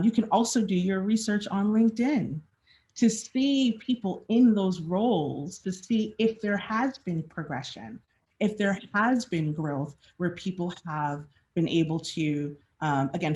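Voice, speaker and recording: A woman's voice: low-pitched, darkish tone. A woman giving a conversational presentation at a design meetup. She speaks frankly, with frequent fillers and restarts, and acts out quoted questions along the way.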